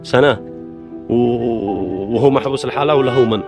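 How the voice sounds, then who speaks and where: A man's voice: medium pitch, normal speed. A man with a Yemeni accent hosting an on-location vlog as a casual interviewer, coaxing and encouraging, often repeating himself. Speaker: video host interviewing people outdoors. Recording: music behind the voice.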